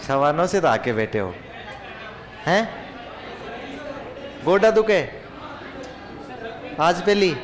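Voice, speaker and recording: A man teaching a class, who dictates points slowly, repeats them, and chats and jokes with the students. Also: a little high, sing-song, a bit bright, a faint crowd.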